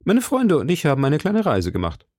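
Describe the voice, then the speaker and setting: A man reading an audiobook who voices a cheerful, teasing young swordsman in a raised, lively voice. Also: a little high, a little fast, no echo, clean studio sound, voice pushed up. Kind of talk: audiobook character voice.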